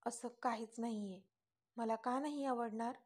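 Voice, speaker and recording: A flustered young woman, caught out and snapping back, stammering over her words, as a woman storyteller reads her. The voice is fairly high and a bit louder than the narration. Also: steady tone, measured pace.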